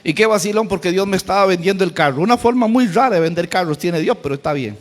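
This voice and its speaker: Fast and animated, with a voice that sits high, a Costa Rican pastor delivers a sermon full of humor and emphatic storytelling in colloquial Spanish. The church hall gives the recording a long reverb.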